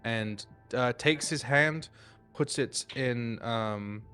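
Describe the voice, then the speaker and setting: A man narrating as the game master of a tabletop game, in loose, filler-heavy narration that speeds up in sudden rushes. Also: medium pitch, bright, forceful tone, clean tone, faint music behind.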